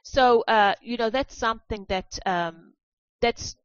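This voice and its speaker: A woman's voice: a little high, takes it slowly, smooth, no room sound. Woman, group facilitator, encouraging, speaks as "we", muffled lo-fi sound, dry. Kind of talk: group discussion.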